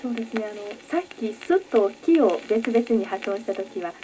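A woman assisting in an announcing lesson, answering and demonstrating pronunciation in a clear, careful, polite way. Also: mid-range voice, expressive, normal speed, mellow, poor audio. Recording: old record with faint noise.

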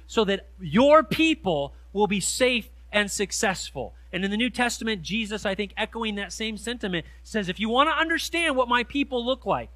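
A middle-aged man preaching a sermon in a church, reading scripture slowly and stressing key words with earnest emphasis. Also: high voice, pushed and bright, no echo. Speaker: pastor. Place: church sanctuary. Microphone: handheld mic.

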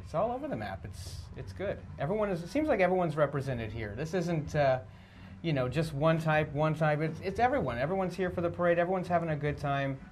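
Midwestern male co-host, animated up-and-down voice, chatty and teasing, faint background hum. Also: a little high, fairly quick. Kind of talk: live parade commentary. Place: TV studio overlooking the street.

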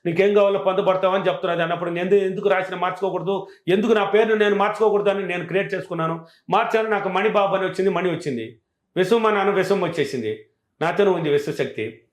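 A man's voice: high voice, very fast, reverberant. A man teaching self-help affirmations, answering interview questions in a self-assured, emphatic and repetitive way.

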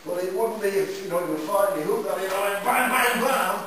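This karate instructor, an older man from England, has a high voice and speaks a little fast, keeping his teaching chatty and loose with frequent "yeah?" checks. The clip comes from a camera far off in a big, echoey dojo hall, with a crowd audible behind him.

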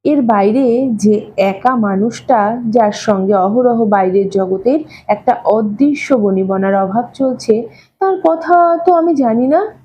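A woman's voice: a little high, takes it slowly, lo-fi sound, a little hiss or hum. A woman reading a Bengali short story aloud, narrating and voicing a husband and wife in dialogue. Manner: voices the husband and wife dialogue with lively shifts. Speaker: story reader. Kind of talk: scripted audiobook narration.

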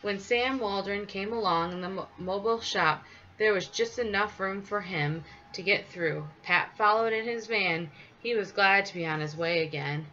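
Bright-voiced woman reading a children's story. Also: medium pitch, moderate pace. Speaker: storybook reader. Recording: slightly dull with faint hiss.

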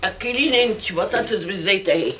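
A woman's voice: medium pitch, fast, fairly bright tone, a little hiss or hum, lightly acted. An actress with an Egyptian accent playing a childlike grown woman who sulks and begs like a little girl. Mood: coaxing. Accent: Egyptian Arabic. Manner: pleading, sulky, tearful.

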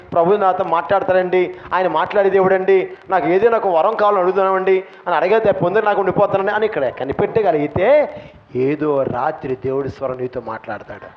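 Male pastor preaching, high voice, impassioned swings from shouts to hushed asides, dull lo-fi church recording. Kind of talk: sermon. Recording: dull lo-fi recording, faint room noise.

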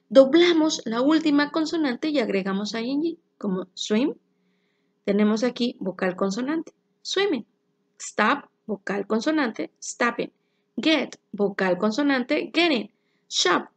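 A woman teaching an English grammar lesson, explaining rules slowly and clearly and reading example sentences. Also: a little high. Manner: clear, slow explanations with spelled-out endings.

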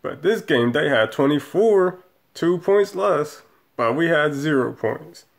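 A man's voice: on the high side, lively intonation, slow, creaky. A man in his thirties giving a profane, rambling post-game rant as a football fan, filmed in a small room on a webcam. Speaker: sports fan vlogger.

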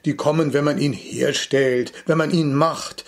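A man's voice: on the high side, steady tone, measured pace, vocal fry. A man voicing a pompous, impatient father who lectures and brushes off his son. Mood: lecturing impatient. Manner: condescending explanations, brusque orders.

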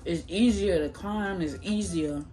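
A young woman with a lowish voice chats casually while eating. She chews between phrases and keeps her talk slangy and informal, with music in the recording. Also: a little slow, dark tone, poor audio. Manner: slangy, informal, addresses viewers as bro and y'all. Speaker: mukbang vlogger. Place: small room at home, indoors.

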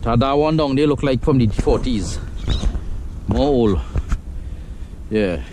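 A Trinidadian fishing vlogger chats easygoingly from a kayak out on open water, speaking in loose Caribbean patois for a casual outdoor vlog. His voice sits at a medium pitch with lively intonation, and he takes his time. Background noise is audible.

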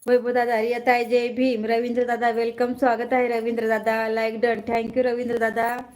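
A woman's voice: fairly high pitch, monotone, normal speed, a little mellow, rough recording. A woman hosting a casual live stream from her phone, greeting viewers by name, reading their comments aloud and checking that her sound comes through.

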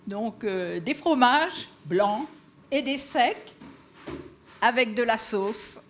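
Slow, chatty woman customer. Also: on the high side, animated, slight background noise. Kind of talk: casual remarks to a reporter.

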